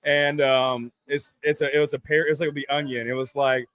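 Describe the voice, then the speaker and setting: A man co-hosting a casual sports talk show, rambling with halting restarts and jokey asides. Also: medium pitch, little pitch movement, a bit bright, no echo.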